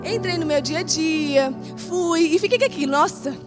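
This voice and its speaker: A young woman preaching at a youth service, telling a lively, laughing story in a dramatic way. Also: very high voice, unhurried. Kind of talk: storytelling sermon. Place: church hall, live service. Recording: live sermon with background music.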